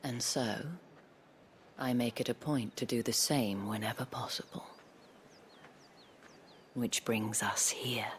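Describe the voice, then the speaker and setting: A woman playing a poised, teasing madam in a video game, speaking slowly and deliberately, often dropping to a breathy near whisper. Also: a bass voice, steady tone, a little hiss or hum. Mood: measured, confiding. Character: poised, seductive brothel madam, teasing and calculating. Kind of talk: scripted video game acting.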